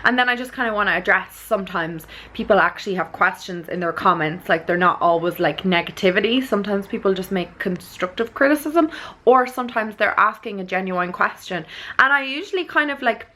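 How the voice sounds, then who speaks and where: An Irish woman vlogs in a mid-pitched voice, talking casually to her viewers. She rambles in an earnest way, circling back to check that what she says makes sense. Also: animated, brisk, sharp tone. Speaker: vlogger. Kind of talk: casual chat to camera.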